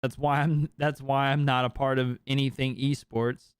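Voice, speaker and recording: A tired young man hosts a late-night podcast chat, rambling candidly and cursing often. His voice is smooth and crisp, recorded close and dry with no room sound. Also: medium pitch, level tone, moderate pace, no room sound. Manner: rambling, candid, swears freely. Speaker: podcast host.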